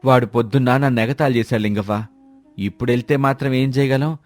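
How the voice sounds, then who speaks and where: A man voicing a cautious, kind-hearted village farmer who speaks in a steady, earnest way. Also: mid-range voice, a little fast, faint music behind, lightly acted. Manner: steady, earnest, shouts commands when urgent.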